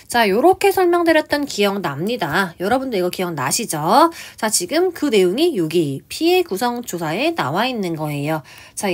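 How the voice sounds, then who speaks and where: Lively woman lecturer, prompting and animated. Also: on the high side. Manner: keeps starting lines with a prompting "ja", asks the class questions. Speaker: exam prep lecturer. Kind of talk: online lecture walking through tables.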